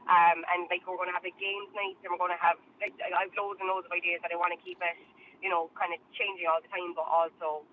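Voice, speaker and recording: A woman's voice: on the low side, little pitch movement, fast talker. A woman with a Kerry accent from the west of Ireland, chatting casually and informally as a guest in an interview. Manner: chatty, informal, lots of "like" and "you know". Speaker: guest, LGBTQ+ venue owner. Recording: tinny phone line with some noise.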